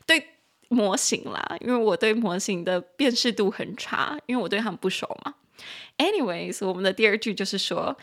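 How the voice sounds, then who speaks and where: A woman with a Taiwanese Mandarin accent hosting a casual podcast English lesson, chatty and quick to laugh. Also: fairly bright tone. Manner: chatty, laughs often, acts out quoted friends in a higher voice. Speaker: podcast host and English teacher.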